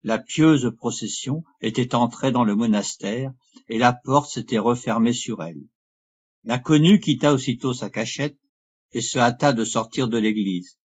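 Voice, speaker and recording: A man reading a classic novel aloud as an audiobook, in measured, even narration. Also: medium pitch, slightly rough. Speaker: audiobook reader. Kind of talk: scripted narration.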